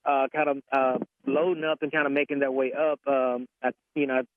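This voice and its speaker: A man giving a live severe weather report from the field in a halting way, correcting himself as he goes. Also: mid-range voice, level tone, no room sound, narrow, tinny audio. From Alabama, United States. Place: outdoors in a windy residential area.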